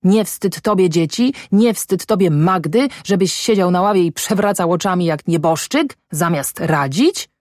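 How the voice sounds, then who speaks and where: A woman's voice: fairly low pitch, big pitch swings, unhurried, a little mellow, dry recording, clean studio sound. A woman voicing an angry, stubborn peasant farm wife in an audiobook, scolding her husband with a rising voice. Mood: furious. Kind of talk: audiobook character voice.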